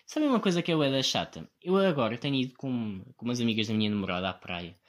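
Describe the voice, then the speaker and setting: This is a young man's fast, mid-range voice with a European Portuguese accent, delivering a casual monologue as a solo podcast host. He wanders from point to point with animated sarcasm, impersonating people to make fun of them.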